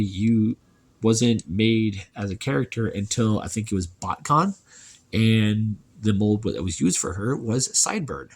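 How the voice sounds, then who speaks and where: A man casually reviewing a toy, chatty and relaxed, thinking aloud as he handles it. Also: fairly low pitch, slightly rough.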